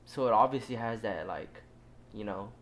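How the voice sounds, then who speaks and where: A man's voice: on the low side, moderate pace. A young man from Southern California, co-hosting a podcast with laid-back, joking casual banter. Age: young adult. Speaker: podcast co-host. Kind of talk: casual chat.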